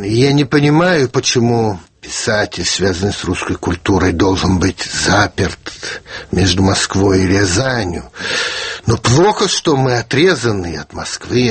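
A fifty-year-old man from the Soviet Union, a writer answering in a radio interview, speaking in a measured, reflective way with frequent hesitations. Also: mid-range voice, slightly rough, no room sound. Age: 50s. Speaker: guest writer.

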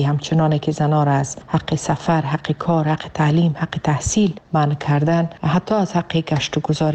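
A woman's voice: deep voice, gravelly, warm tone. A woman with an Afghan Dari accent speaking earnestly in an interview, in long running sentences. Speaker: interviewee, former MP and activist.

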